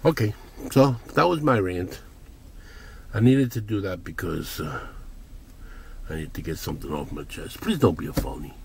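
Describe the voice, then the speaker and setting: A man's voice: on the low side, darkish tone, a little hiss or hum. An older man giving a blunt, profane vlog rant while running errands. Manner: blunt, profane, ranting, heated bursts. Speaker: vlogger.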